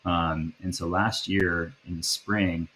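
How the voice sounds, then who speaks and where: Low-voiced man chatting casually. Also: slow, slightly rough. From Boston area. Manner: relaxed, chatty, frequent fillers like "um" and "kinda". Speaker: guest, app founder. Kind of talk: casual interview chat.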